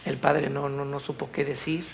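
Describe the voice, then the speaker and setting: A man preaching a sermon in a church, telling a story and reading scripture aloud, swelling loud on the verses. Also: mid-range voice, level tone, normal speed, creaky, a little hiss or hum. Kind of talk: Spanish-language church sermon.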